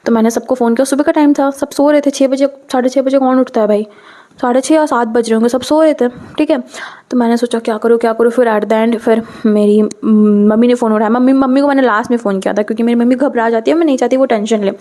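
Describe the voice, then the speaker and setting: Young woman vlogger, high voice, casual storytime delivery, animated and chatty, keeps the story moving with quick asides. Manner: chatty, mixes in English phrases, keeps saying "okay"; animated, with sudden pitch jumps.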